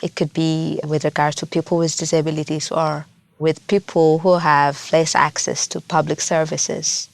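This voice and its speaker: A young woman, a lawyer and social worker, answering interview questions in a measured, earnest way. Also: low voice, vocal fry, no room sound. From Ethiopia.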